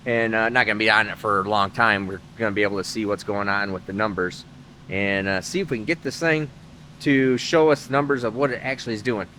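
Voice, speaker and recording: In a workshop with a noisy background, the host of a car-building channel talks casually, rambling with lots of filler words. His voice is fairly low and steady, and he speaks fairly quickly.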